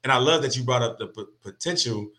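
A man co-hosting a podcast, working through ideas aloud in a searching, halting way with many restarts. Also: mid-range voice, bright, forceful tone. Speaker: podcast co-host. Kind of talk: reflective casual conversation.

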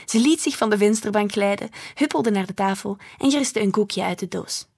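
A woman reads a children's book aloud in a soft, breathy voice, gentle and expressive. Her pitch sits at an ordinary middle height. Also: normal speed. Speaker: storyteller.

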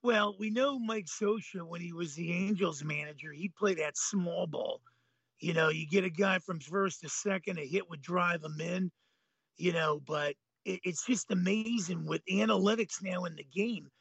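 A man in his late fifties with a high, gravelly and husky voice, co-hosting a sports talk show in a laid-back, easygoing way. The sound is dry and a little dull, like lo-fi audio. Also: normal speed, fairly bright tone, dry recording. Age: 50s. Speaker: co-host.

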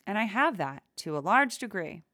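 A woman hosting a solo podcast, talking in a soft, gentle and soothing way as she reflects aloud. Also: mid-range voice, sing-song, moderate pace, no room sound, clean studio sound. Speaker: podcast host.

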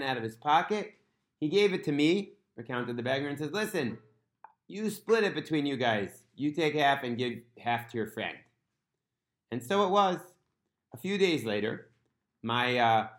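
A man's voice: medium pitch, fairly bright tone. A man telling a heartfelt story in an earnest way, slipping into the characters' first-person voices and using Hebrew and Yiddish religious terms.

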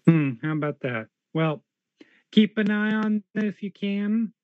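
A man with a slightly high voice talks casually as a tabletop player. The recording is dry and a bit muffled. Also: measured pace, dry recording. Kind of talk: casual game chat.

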